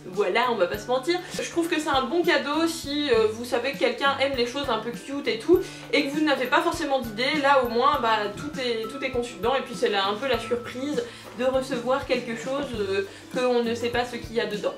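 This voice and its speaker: A bubbly young woman chats through an unboxing, gushing over each item and poking fun at herself. Her voice sits high, and she sounds a bit far from the mic in a roomy space, with music playing behind her. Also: fairly quick. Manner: bubbly, gushing, self-mocking, with many fillers. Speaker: unboxing video host. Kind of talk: casual unboxing chat.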